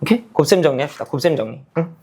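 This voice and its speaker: A man's voice: on the high side, lively intonation, racing, a little mellow, breathy edge. A male math teacher giving a casual classroom lecture, checking in with students again and again with a rising "okay?" and "got it?". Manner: casual, talks down to students' level.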